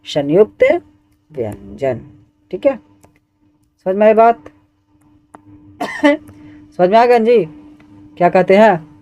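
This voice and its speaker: A man's voice: sits high, slow pace, pauses often, clear, resonant tone, lo-fi sound. A man teaching Hindi grammar who reads each exam question and its options aloud, then asks for the answer and repeats it. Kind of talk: exam question walkthrough lesson.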